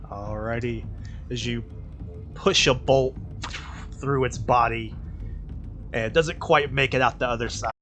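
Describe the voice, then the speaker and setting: A man acting as game master for a tabletop game, speaking at a slow, unhurried pace with an ordinary middle pitch. He hands out brief rulings and short stretches of combat narration. Faint music plays underneath. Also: fairly even intonation, sharp tone.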